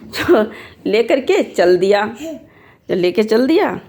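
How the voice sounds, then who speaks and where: A woman storyteller telling a folk tale to children, often pausing to ask her listeners questions. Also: mid-range voice, big pitch swings, a little mellow. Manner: asks listeners questions as she tells.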